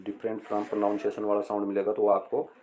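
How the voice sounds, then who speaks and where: A middle-aged male teacher explaining an English lesson slowly and patiently, repeating words and reading phrases aloud. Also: on the low side, completely flat delivery, a little mellow.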